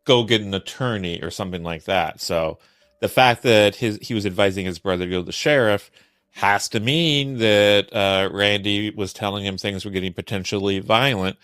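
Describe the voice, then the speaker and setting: Deep-voiced man recapping a trial, dry sound. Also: moderate pace, fairly bright tone, clear, resonant tone, dry recording. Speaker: podcast co-host. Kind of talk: conversational true-crime trial commentary.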